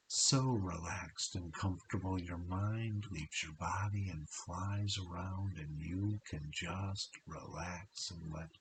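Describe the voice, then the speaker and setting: A man leading a guided relaxation in a soft, hypnotic way, drawing out short phrases with long pauses and sometimes dropping to a breathy half-whisper. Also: low voice, rough recording. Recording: steady tape hiss.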